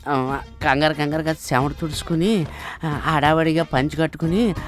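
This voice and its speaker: A man's voice: a little high, fairly even intonation, moderate pace, soft background music, close to an everyday voice. An actor playing a henpecked office clerk who ruefully tells how he was tricked into marriage. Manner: rueful storytelling. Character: henpecked office clerk telling his sorry tale.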